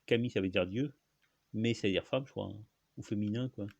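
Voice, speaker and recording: Man, lowish voice, rambling solo talk, hesitant, restarts, coughs, dry close sound. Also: brisk, gravelly, darkish tone, no room sound, highs cut off. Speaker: host.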